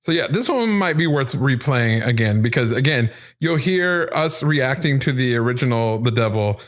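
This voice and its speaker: A man hosting a paranormal podcast, talking casually in a middle-range voice. He walks through each recorded clip step by step, sounding excited as he explains what can be heard. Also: mid-range voice, normal speed. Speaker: podcast host.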